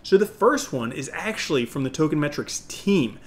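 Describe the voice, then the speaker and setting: A man's voice: on the high side, animated, normal speed. A middle-aged man hosting an opinionated crypto video, talking like an informal, salesy crypto bro to the camera. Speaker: crypto YouTube host.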